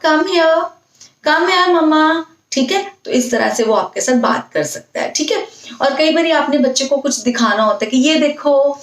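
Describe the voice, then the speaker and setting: Brief: higher-voiced woman, patient lesson host, repeats points, recorded at a distance in an echoey room. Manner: patient, repetitive explaining. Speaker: English teacher. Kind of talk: casual spoken-English lesson. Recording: echoey room, mic set far off.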